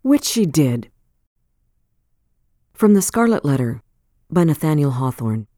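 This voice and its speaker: Woman reading novel bits, low mellow voice, super animated, dry close sound. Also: a little slow, no echo. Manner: expressive, with dramatic swings in emphasis. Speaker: reader of book excerpts. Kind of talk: audiobook reading.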